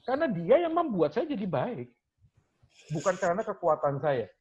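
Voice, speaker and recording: A male lecturer talks in a relaxed, conversational way, acting out his students' questions as he tells stories. His voice sits a little higher than most men's. The recording sounds dull and muffled. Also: normal speed. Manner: animated storyteller, acts out students' questions, mixes in English phrases. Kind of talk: casual talk sharing teaching stories.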